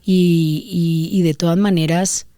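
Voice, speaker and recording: A woman in her forties with a Valle del Cauca Colombian accent, giving parenting advice in an animated, casual way. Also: on the low side, a little slow, no echo. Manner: animated, acts out examples in voices. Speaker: guest parenting expert.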